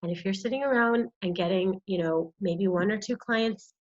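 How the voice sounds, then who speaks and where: A woman's voice: medium pitch, normal speed, lo-fi sound. A woman coaching doulas through a worksheet in a casual, earnest video talk, full of fillers and pleading asides. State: shivering from cold. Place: indoors, cold room.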